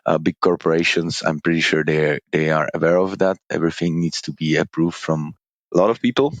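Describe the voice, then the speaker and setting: A man's voice: extremely low pitch, steady tone, fairly quick, no echo. A man with a Czech accent and Czech as his first language, a guest talking hesitantly, with many fillers and restarts. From Czech Republic. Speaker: guest, data analytics coordinator. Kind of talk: casual interview talk.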